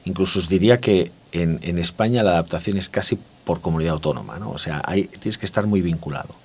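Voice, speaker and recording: Here a Barcelona-born consumer market expert speaks fast in a low voice with a breathy edge. In this conversational interview he explains his opinions reflectively with a Spanish accent from Spain, often checking for agreement.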